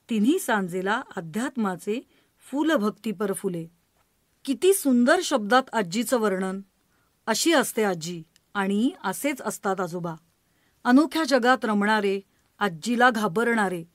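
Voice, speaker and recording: A woman presenting and reciting poems in a measured way, repeating lines for effect. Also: fairly high pitch, no room sound, clean studio sound. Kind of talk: poetry recitation.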